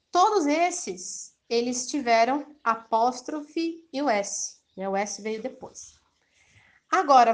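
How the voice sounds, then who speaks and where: A woman teaching an English grammar lesson, reading example sentences slowly and then explaining them quickly. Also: fairly high pitch. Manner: switches between slow careful English examples and quick explanations.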